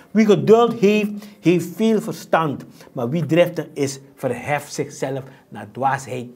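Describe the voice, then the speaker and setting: A man's voice: mid-range voice, a little mellow, slightly rough. A man with a Surinamese Dutch accent preaching a sermon, emphatic and repeating his points, mixing in Sranan and English phrases.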